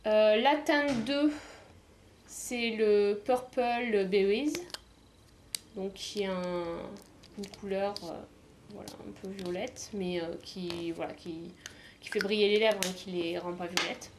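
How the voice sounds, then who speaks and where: A woman's voice: medium pitch, steady tone, takes it slowly, slight background noise. A woman from the south of France chatting casually in a beauty haul video, hesitant, with many fillers and restarts. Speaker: beauty vlogger.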